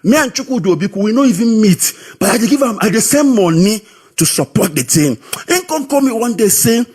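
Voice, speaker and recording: High husky Nigerian Pidgin man. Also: brisk. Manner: lively storytelling, sing-song. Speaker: radio caller. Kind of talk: personal testimony. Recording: radio broadcast audio.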